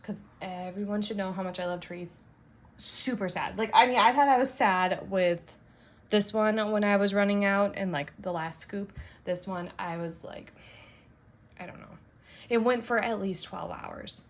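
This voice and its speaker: A woman who makes and sells wax melts, reviewing scents in a chatty, rambling way full of fillers and bubbly excitement. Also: mid-range voice, moderate pace. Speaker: wax melt maker and shop owner.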